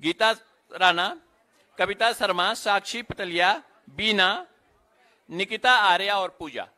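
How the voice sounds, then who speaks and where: A man announcing students' names one by one at an award ceremony, with brief instructions to the children between names. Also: sits high. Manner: steady roll-call of names, brisk stage directions. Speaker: event announcer.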